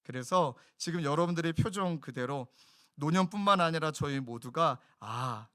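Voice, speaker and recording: Man, pastor, church sermon, somewhat high-pitched, earnest, conversational, addresses the congregation directly. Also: fairly bright tone, clean tone. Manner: drops into quoted voices for emphasis. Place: church service.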